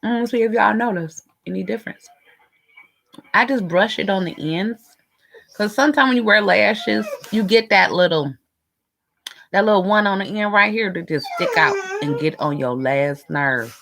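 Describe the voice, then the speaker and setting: Gravelly-voiced woman chatting candidly. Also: medium pitch, moderate pace, fairly bright tone. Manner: candid, chatty, talking straight to viewers. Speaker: lifestyle vlogger. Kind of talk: casual chat while doing makeup.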